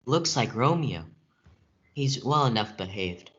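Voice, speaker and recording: A man's voice: medium pitch, lively intonation, unhurried, a bit bright. A young man playing a commanding older lord of the house in a student reader's theatre performance. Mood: stern. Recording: dull lo-fi audio.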